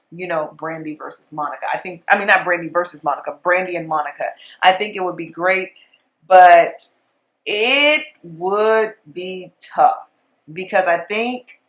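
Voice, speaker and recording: Young woman vlogger, casual and animated commentary, lower-pitched voice, echoey room. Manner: chatty, animated, full of "you know" and "like".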